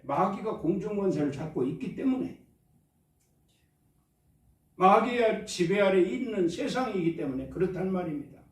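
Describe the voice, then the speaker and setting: A man's voice: high-pitched, a little mellow. A man preaching a Sunday sermon as pastor, drawing responses from his congregation. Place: church sanctuary. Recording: echoey church hall, mic at a distance.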